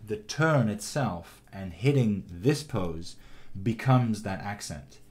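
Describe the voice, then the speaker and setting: A man teaching animation, giving a calm, encouraging critique of a student's shot with frequent ums and restarts. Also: fairly low pitch, slow pace. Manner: calm, encouraging, many fillers. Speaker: animation instructor. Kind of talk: recorded critique of student work.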